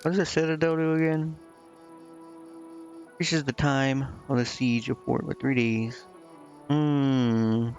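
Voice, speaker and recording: A man is livestreaming a strategy role-playing game, muttering his thoughts aloud in a casual way as he works things out, with game music behind him. His mid-range voice has a level, somewhat dark tone and a slow pace broken by long pauses. The audio sounds dull.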